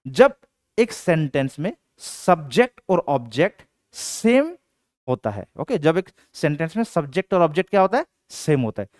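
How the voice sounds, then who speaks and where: A man giving an exam-prep English grammar lecture, asking questions and answering them himself, and reading English sentences out slowly. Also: fairly high pitch, a little mellow, no room sound, clean studio sound. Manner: explains, then asks and answers his own questions.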